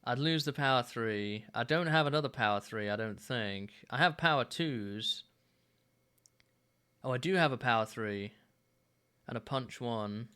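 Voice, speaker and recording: A man in his thirties thinks out loud through a gameplay stream, unhurried and full of ums. His voice is bright and crisp, and he takes his time. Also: mid-range voice. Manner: relaxed, musing aloud with frequent fillers. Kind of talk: casual gameplay commentary.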